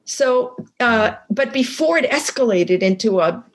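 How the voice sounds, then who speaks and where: Middle-aged woman, interview guest, animated storytelling, quotes voices. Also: a little high, measured pace. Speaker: guest, co-author and professor.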